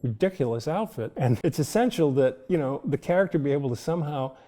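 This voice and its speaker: Older man with a mellow voice recalling his filmmaking. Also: on the high side, animated, fast. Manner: thoughtful, anecdotal, chuckling. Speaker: film director. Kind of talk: reflective interview storytelling.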